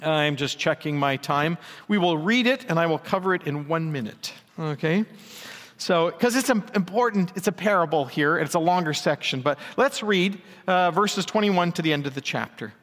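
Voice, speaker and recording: A man's voice: fairly high pitch, lively intonation, moderate pace, a bit bright, long reverb tail. A male pastor, preaching a conversational sermon with asides and dry jokes.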